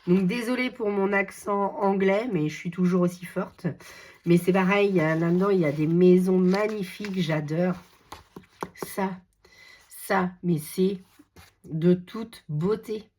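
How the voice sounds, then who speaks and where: A middle-aged woman hosting a craft channel, chatting casually and enthusiastically with many fillers, her voice slightly hoarse. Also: on the low side, measured pace, darkish tone. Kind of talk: casual chat showing books.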